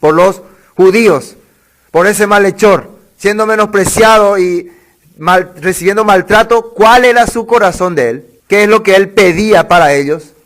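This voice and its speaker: A male pastor preaching a sermon, asking the congregation rhetorical questions and reading scripture slowly and deliberately. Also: high voice, fairly bright tone.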